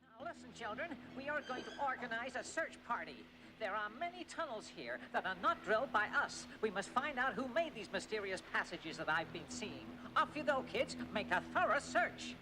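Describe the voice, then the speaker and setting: A man's voice: very high-pitched, very animated, moderate pace, few pauses, noisy background. A man dubbing a fussy cartoon father who orders his family about, in a stiff, stilted 1980s English dub. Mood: bossy. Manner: stiff, oddly stilted dubbed delivery.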